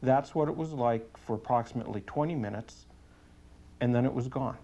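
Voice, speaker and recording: A man speaking as a police sergeant giving a testimonial in an interview, earnest, deliberate and matter-of-fact. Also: mid-range voice, warm tone.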